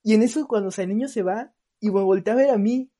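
Slangy young Mexican man, mellow voice. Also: high-pitched, fast talker. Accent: Mexican Spanish. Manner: animated, swears a lot, mocks friends. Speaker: podcast co-host. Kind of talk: casual storytelling chat.

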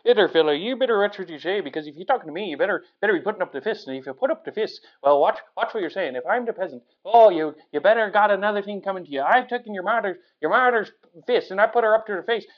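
A man's voice: high-pitched, lively intonation, fast talker, hardly any pauses, dull audio. A man voicing a hot-headed brawler who rattles off rambling threats. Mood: belligerent.

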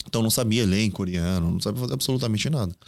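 A man's voice: fairly low pitch, racing, gravelly, dry recording. A man of about thirty with a Brazilian Portuguese accent, a guest chatting on a podcast and telling his stories with quoted asides. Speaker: guest, Korean teacher. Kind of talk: casual podcast interview. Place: podcast studio.

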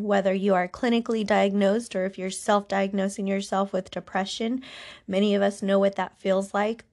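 Congested woman podcaster with a creaky voice. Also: mid-range voice. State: congested from allergies, voice not its normal sound. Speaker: podcast host. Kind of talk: personal faith talk, monologue.

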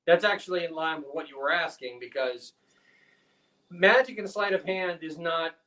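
A man speaking a touch higher than most men, heard from a little way off the microphone. He tells stories with earnest energy, talking about faith and his craft in a relaxed conversation. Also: normal speed, recorded from a distance, low-quality recording. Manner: animated storytelling, earnest.

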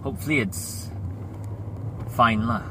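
A young adult man with a Singlish accent, a daily vlogger, rambles casually in diary style at a slow pace and medium pitch. His talk meanders and he ends phrases with "lah." Loud traffic and vehicle noise fill the recording.

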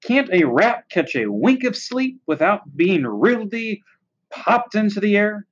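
A woman's voice: medium pitch, sing-song, a little slow, husky, lo-fi sound. A woman voicing a lazy, grumbling male rat from a storybook, mocking and drawn out in complaint. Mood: grumpy, indignant.

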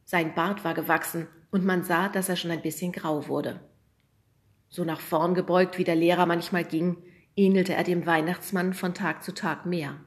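A woman reading a children's story aloud as an audiobook, in calm, even storytelling. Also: lowish voice, normal speed. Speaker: reader.

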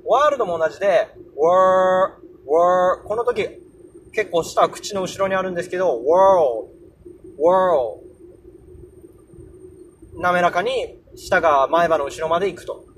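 A man's voice: high voice, brisk, fairly bright tone, slight background noise. A young man casually hosting a solo podcast, explaining English pronunciation and sounding out example words aloud. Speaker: podcast host.

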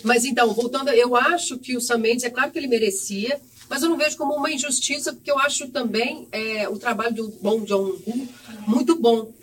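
A Brazilian woman hosting a film chat, giving measured, reflective opinions. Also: fairly high pitch. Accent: Brazilian Portuguese. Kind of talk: casual chat. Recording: voice from far off the mic.

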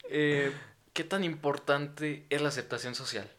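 A young man with a Mexican accent, co-hosting a podcast, explaining ideas in a measured way between bits of crude banter. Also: fairly high pitch, a bit bright. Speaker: podcast co-host. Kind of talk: casual chat.

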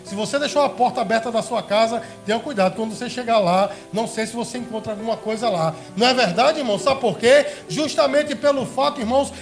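High-voiced preacher with a gravelly edge. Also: male voice, fast, hardly any pauses, faint music behind. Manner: addresses listeners as brothers and beloved, asks them questions. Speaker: pastor. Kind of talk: sermon.

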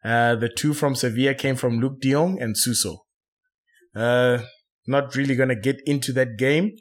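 A man leads a relaxed football discussion in an ordinary middle-pitched voice. He talks with frequent fillers and stops to correct himself. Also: normal speed. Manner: hesitant, self-correcting, many fillers. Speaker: podcast host. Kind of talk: casual football chat.

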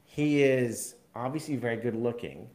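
A man's voice: mid-range voice, moderate pace, darkish tone. A man hosting a casual interview, playful and jokey, asking many questions. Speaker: podcast host.

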